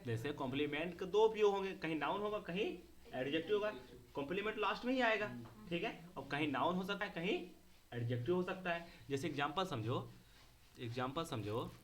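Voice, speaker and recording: A man's voice: fairly high pitch, lively intonation, fairly quick. A man teaching a grammar lesson to a class. He speaks, repeats key words and keeps asking whether the students understand.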